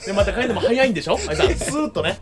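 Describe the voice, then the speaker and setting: A man who performs rakugo, chiming in eagerly with quick agreement during a casual radio chat. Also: sits high, animated, loud music behind the voice.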